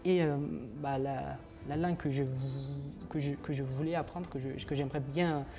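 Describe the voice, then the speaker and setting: Steady and dark in tone, his mid-range voice moves at a moderate pace. He is a twenty-something Uzbek master's student on a TV morning show, answering in French as a second language with an Uzbek accent and lots of hesitating and restarting.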